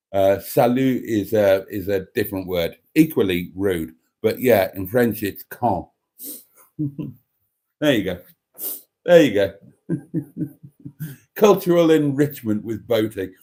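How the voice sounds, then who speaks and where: Here the host's voice is fairly low, dark and animated, moving slowly with frequent pauses. Indoors at home in a chilly room, he runs a relaxed livestream, reading comments cheekily and calling viewers darlings.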